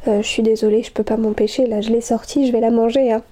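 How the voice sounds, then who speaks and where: Woman chatting slow and hesitant about yarn, kinda high, mellow voice. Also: flat delivery, slight background noise. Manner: hesitant, many fillers and restarts, gushing. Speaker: knitting vlogger. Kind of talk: casual chat.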